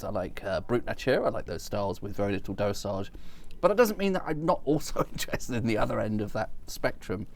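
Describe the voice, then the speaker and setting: A man giving casual, sommelier-like wine tasting commentary in a thoughtful, descriptive way. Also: medium pitch. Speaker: wine reviewer.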